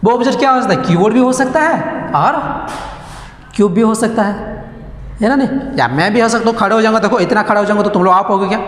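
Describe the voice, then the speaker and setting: A man's voice: sits high, fast. A man teaching a maths lesson to his students, constantly asking them questions and switching between Hindi and English. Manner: talks straight to the class, asks lots of questions, switches between Hindi and English. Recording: echoey room with long reverb.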